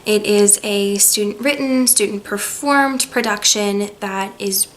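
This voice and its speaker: A young woman talking to camera in a personal, reflective vlog, hesitant and soft-spoken, with pauses and restarts. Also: mid-range voice, a little hiss or hum, poor audio. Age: young adult. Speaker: vlogger.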